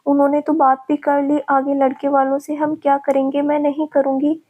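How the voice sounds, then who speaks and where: A woman's voice: high voice, monotone, moderate pace, phone-quality sound, natural voice. A woman voicing a scared, tearful young woman. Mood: timid. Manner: anxious, pleading.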